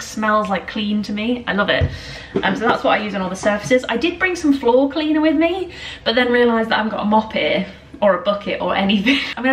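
A young woman from northern England chatting casually to camera in a self-mocking way, her voice echoing like in a cave in an empty house. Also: on the high side. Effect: cave-like echo of an empty house. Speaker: vlogger. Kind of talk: casual vlog chat. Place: empty house, bare rooms indoors. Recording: echoey empty room, faint noise.

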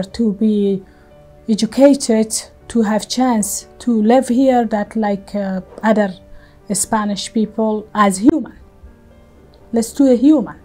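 Earnest Afghan woman, mellow voice. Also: on the high side, low-quality recording. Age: 40s. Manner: earnest, halting, with frequent fillers. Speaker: activist. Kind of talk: interview testimony. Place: bright indoor room with plants.

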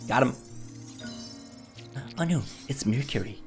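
Animated and a little slow, this streamer's mid-range voice runs a casual commentary as he plays a video game, cracking jokes to himself and saying hello to viewers. Loud game music plays underneath his voice.

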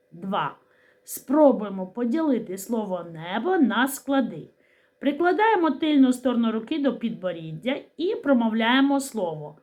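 A woman teacher from Ukraine leads a children's literacy lesson, speaking slowly and stretching out each syllable with care. Her fairly high voice moves up and down with plenty of life as she asks questions and answers them herself. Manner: slow, careful enunciation of syllables.

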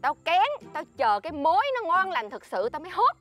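A woman's voice: very high-pitched, very animated, a little fast, a bit bright, soft background music, exaggerated voice. An actress with a Southern Vietnamese accent playing a boastful, scheming friend who bossily lectures another woman. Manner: bossy, showy, lectures her friend. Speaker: actress in a comedy sketch.

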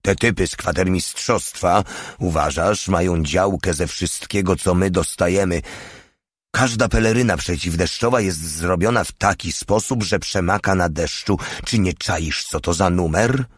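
A man's voice: low-pitched, moderate pace, husky, no echo, studio quality. A man reading the lines of a crude, short-tempered soldier who mocks and swears at his comrades. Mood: mocking, angry. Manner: coarse, mocking, swearing.

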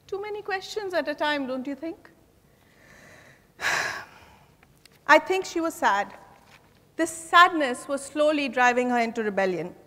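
On a large hotel ballroom stage, a young woman actor performs a dramatized play reading as an ambitious, defensive suspect who answers questions guardedly. Her high voice is animated yet slow, with frequent pauses and a bright, forceful tone in full character voice. The recording is echoey, captured from far off in the hall.

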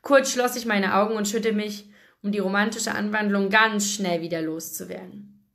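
A woman's voice: mid-range voice, fairly even intonation, normal speed, creaky, a bit bright. Woman reading a novel aloud. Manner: first-person narration, occasional slips and restarts. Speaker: book blogger reading aloud.

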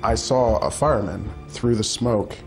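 A survivor recalling his escape in an interview, speaking slowly, quietly and reflectively. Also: on the low side, soft background music. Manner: slow, quiet, reflective speech. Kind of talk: interview recollection.

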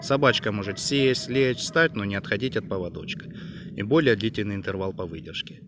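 A man's voice: on the low side, fairly quick. A young man giving instructional dog-training explanations in set phrases, recorded outdoors by a camera a few metres away. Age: young adult. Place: outdoors on a dirt clearing among trees. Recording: noisy outdoor camera sound.

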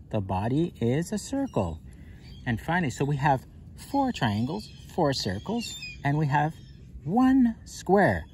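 Male kids' presenter, higher-pitched and very animated, playful question-led delivery, recorded outdoors with light background noise. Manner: animated, question-asking, talking as to small children. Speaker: host of a children's counting game. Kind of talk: playful narration addressed to young children. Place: outdoors on grass in a park. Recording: outdoor ambience with birds, faint noise. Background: birds and outdoor ambience.

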